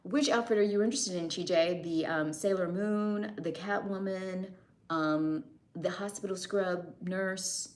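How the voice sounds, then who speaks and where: A young woman from the US streams live, casually chatting, fielding comments from chat, and breaking into frequent laughter. Her pitch is fairly low and she talks a little slowly.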